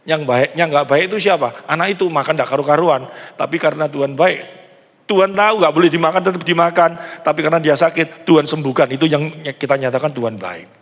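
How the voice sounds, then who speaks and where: A man's voice: a little high, fast. A man in his sixties with an East Javanese accent, preaching a chatty sermon and asking the congregation questions. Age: 60s. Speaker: pastor. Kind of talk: conversational sermon. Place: large church hall. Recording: reverberant church hall.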